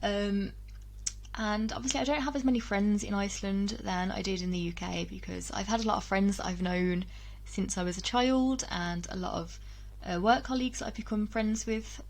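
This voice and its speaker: A young English vlogger speaks to her camera at a middling pitch, her talk relaxed and personal. She's chatty, pausing on frequent ums, restarting her sentences and laughing between thoughts.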